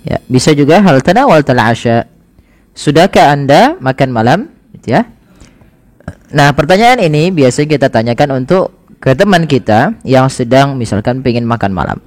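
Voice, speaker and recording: A man giving a casual spoken language lesson, saying phrases slowly and clearly, then explaining them in an easy, chatty way. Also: medium pitch, sing-song, in a large hall. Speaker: Arabic teacher.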